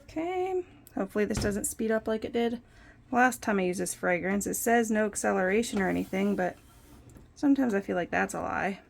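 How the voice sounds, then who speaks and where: A young woman in a relaxed how-to vlog, talking through her work step by step in a chatty, self-deprecating way. Her mid-pitched voice often drops into a gravelly fry. She sounds close to a phone propped on a windowsill indoors at home. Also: a little fast, slight background noise. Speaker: soap maker and channel host.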